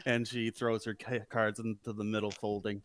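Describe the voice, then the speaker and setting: A man playing a tabletop game, telling his card-sharp moves in a playful, chatty way. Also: lowish voice, little pitch movement, normal speed. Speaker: player. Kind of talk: in-character play at the table.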